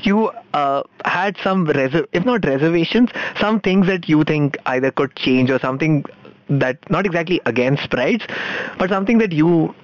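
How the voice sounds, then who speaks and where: A man's voice: fairly high pitch, animated, moderate pace. A man with an Indian accent hosting a casual radio talk show, switching between English and Hindi. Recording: dull lo-fi radio, music behind.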